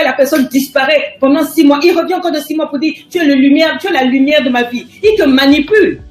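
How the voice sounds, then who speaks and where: A woman life coach on a motivational live stream, talking emphatically and hammering the listener with repeated rhetorical questions. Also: high-pitched. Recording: roomy echo with faint music.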